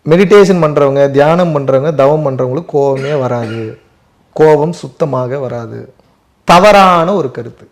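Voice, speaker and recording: Answering audience questions during a spiritual talk, a man with a fairly high voice speaks at a measured pace. He hammers his points home through rhetorical questions and emphatic repetition.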